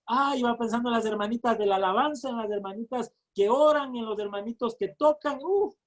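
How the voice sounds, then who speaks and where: A woman preacher, giving a fervent sermon and reading scripture slowly, with frequent exclamations. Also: a little high. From Ecuador. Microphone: recorded sermon.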